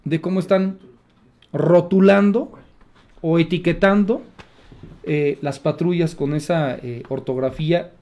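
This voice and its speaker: A man's voice: on the high side, steady tone, measured pace, pauses often, a little mellow. A man with a Mexican accent, giving sarcastic, indignant opinion commentary as a radio host.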